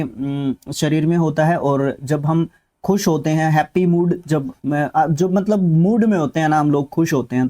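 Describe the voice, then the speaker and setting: A man's voice: a little high, warm tone. A North Indian man tutoring for an English exam, explaining word meanings and spellings with repeated key words and frequent checks on his students. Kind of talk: online exam-prep lesson.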